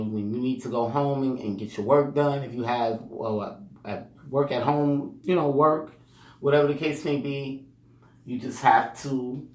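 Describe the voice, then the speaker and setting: A man's voice: medium pitch, a little mellow. Rambling man, distant and roomy. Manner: rambling, with frequent "you know" and "um"; chuckles between points. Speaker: speaker sharing life advice. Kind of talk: casual motivational monologue. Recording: roomy echo, distant mic.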